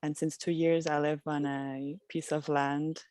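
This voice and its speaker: Flat-voiced Swiss woman outdoors. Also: low voice, noisy background. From Switzerland. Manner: soft, reflective, halting with restarts. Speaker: guest. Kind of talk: casual interview chat. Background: birdsong.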